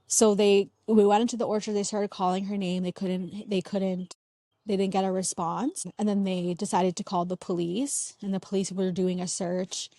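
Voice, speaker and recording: A woman's voice: medium pitch, level tone, moderate pace, warm tone, no room sound, studio quality. A young woman talking casually as an interview guest, sharing family memories with many "like" fillers.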